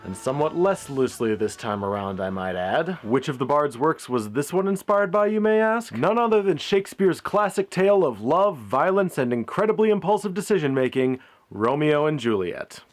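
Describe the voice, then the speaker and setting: A man's voice: fairly high pitch, big pitch swings, normal speed. A man narrating a comedic film review with a wry, sarcastic delivery. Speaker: video reviewer.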